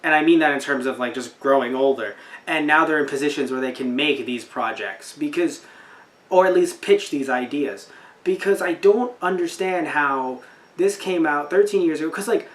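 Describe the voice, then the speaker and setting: A young male podcast host rambles casually about anime, sounding incredulous and often repeating himself. His pitch is fairly high and his pace moderate. The recording has a roomy echo, with him sitting distant from the mic.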